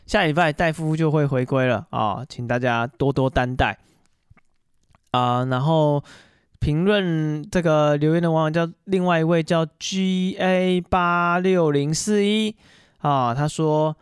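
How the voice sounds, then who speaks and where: A man's voice: a little high, a little slow, smooth, no echo, clean studio sound. Chatty man telling stories. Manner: chatty, animated retelling full of fillers. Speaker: podcast host. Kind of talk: casual solo storytelling monologue.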